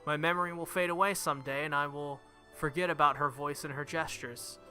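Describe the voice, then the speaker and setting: Over loud game music, a let's play host reads a visual novel aloud with dramatic flair, reacting casually and sometimes tripping over words. He speaks briskly in a steady, slightly high voice.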